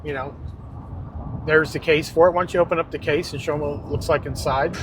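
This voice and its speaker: A man's voice: on the high side, steady tone, brisk. A man hosting a casual podcast product review from inside a car, on a wireless microphone. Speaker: podcast host. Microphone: wireless clip-on microphone. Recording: noisy vehicle interior.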